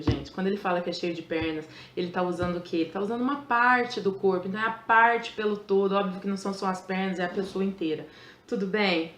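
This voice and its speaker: A woman's voice: mid-range voice, a bit bright, echoey room. A middle-aged woman teaching a chatty grammar lesson, playful and joking, checking in with her students all the time. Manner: playful, asks the class constantly and jokes aside.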